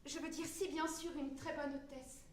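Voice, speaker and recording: An actress playing a restless, contrary young daughter who answers curtly, on stage. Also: female voice, sits high, steady tone, moderate pace, slight background noise, lightly acted. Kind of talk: stage acting. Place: theater stage. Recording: distant stage recording in an echoey theater.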